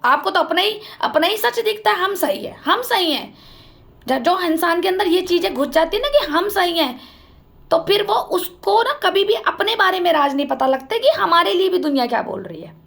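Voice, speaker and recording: A woman's voice: extremely high pitch, expressive, brisk, gravelly, a bit bright. A young woman vlogger giving an impassioned personal account, speaking accusingly and directly to family members. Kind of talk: emotional personal account to camera.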